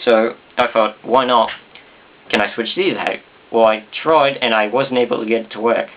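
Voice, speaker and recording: Talking into his camera, a Southern-accented man vlogs in a loose, self-mocking, unscripted way. The sound is muffled and dull, typical of a consumer camera, while his mid-range voice moves at a moderate speed with mostly even intonation.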